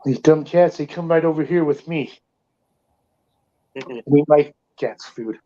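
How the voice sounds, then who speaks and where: A folksy man chats casually with a salty, joking manner. His voice sits a little high, and the audio is dull. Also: normal speed, warm tone. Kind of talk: casual chat.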